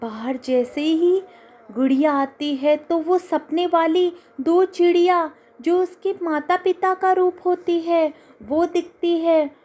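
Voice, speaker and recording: A woman narrating an emotional cartoon moral story, telling it in a slow, emotive way. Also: very high-pitched, fairly even intonation, a little mellow.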